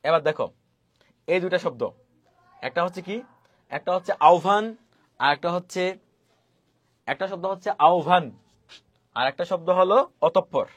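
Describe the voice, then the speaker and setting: A man's voice: sits high, moderate pace, pauses often, husky, dry recording. A man teaching pronunciation rules, repeating each point and quizzing his students. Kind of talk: fast spoken online lesson on pronunciation rules.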